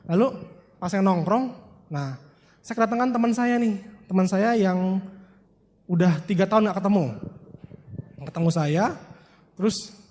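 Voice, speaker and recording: A man's voice: high voice, unhurried, pauses often, darkish tone. A man giving a motivational seminar talk, telling stories and addressing the audience directly. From West Java, Indonesia. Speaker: motivational speaker. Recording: long hall reverb.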